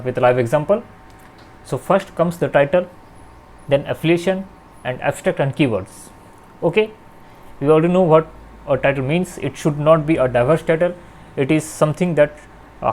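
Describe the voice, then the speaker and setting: Young male tutor, slightly higher voice, filler-heavy step-by-step delivery. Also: darkish tone, a little hiss or hum. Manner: frequent "okay" and "uh" fillers, explains step by step. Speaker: channel host teaching research writing. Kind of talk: explanatory lesson.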